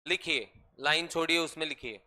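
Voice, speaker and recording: A man with a Rajasthani Hindi accent teaching a class, slowly dictating notes and repeating each phrase for students to write down. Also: a little high, sharp tone. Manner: slow, repetitive dictation.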